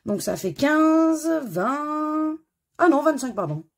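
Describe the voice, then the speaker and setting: A woman's voice: high-pitched, big pitch swings, takes it slowly. A middle-aged woman casually commenting as she scratches crossword lottery tickets at home, chatty and self-mocking, spelling out letters one by one. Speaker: scratch-card video host. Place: home corner under renovation.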